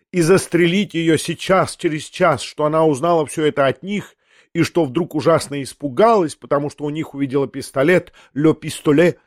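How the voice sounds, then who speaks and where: Expressive male audiobook narrator, dry sound. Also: fairly high pitch, no room sound. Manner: measured, expressive storytelling.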